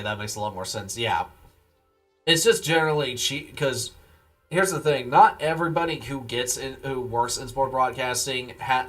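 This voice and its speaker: A man's voice: mid-range voice, fairly bright tone. A laid-back man talks to his stream audience in a tired, rambling way and answers chat as it comes in. Faint music plays behind him. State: tired, yawning after a long day. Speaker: live streamer. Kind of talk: casual live-stream chat to viewers.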